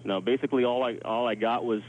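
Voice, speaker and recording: Calling in live, a hotel worker describes what he's witnessing in rambling, "like"-heavy speech. His mid-range voice stays steady as he talks fast. Alarms and emergency sirens wail behind him over a muffled, noisy phone connection.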